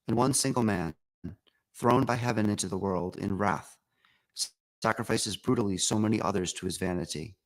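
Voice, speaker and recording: A man with a fairly low voice reads an old essay aloud. His delivery is formal and declamatory, with rhetorical weight. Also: low-quality recording. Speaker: reader.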